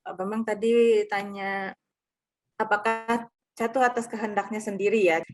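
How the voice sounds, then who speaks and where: A woman explaining a teaching point in a measured way and reading a scripture passage aloud. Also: medium pitch, fairly even intonation, over music.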